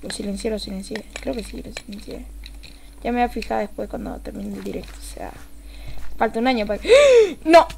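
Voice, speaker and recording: A young woman with an Argentine accent doing live gameplay commentary as a streamer, excitable, swearing casually and swinging from low mutters to sudden yelling. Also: a little fast, creaky, background noise. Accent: Argentine Spanish.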